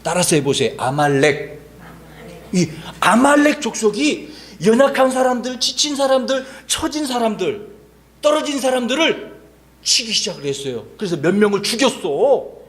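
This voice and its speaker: A male pastor giving a children's sermon in church, lively and coaxing, talking straight to the kids. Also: high voice, normal speed.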